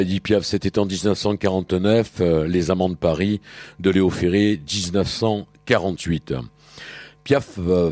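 A man hosting a music radio segment speaks in a low, slightly husky voice. He reads dates and facts at a measured pace, pausing briefly now and then. The sound is dry and close, with no room around it. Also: darkish tone, dry recording. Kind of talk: scripted radio narration about songs.

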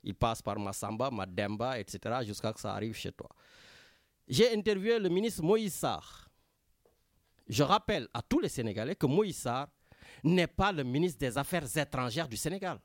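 A man with a Senegalese French accent, hosting a radio talk show in a casual, animated way, often repeating himself and talking to a co-host. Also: mid-range voice, moderate pace, no echo, studio quality. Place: Marseille.

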